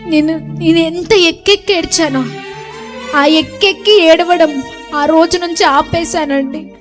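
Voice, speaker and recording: A woman of a ministry giving an emotional church testimony, earnest and repeating her phrases for emphasis. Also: very high-pitched. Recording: clear background music under the voice.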